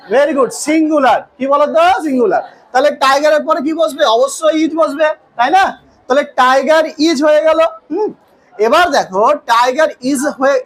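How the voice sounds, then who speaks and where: In a classroom setting, a woman whose voice sits high leads an English grammar lesson. She fires questions at her students before supplying the answers herself, and the recording is rough.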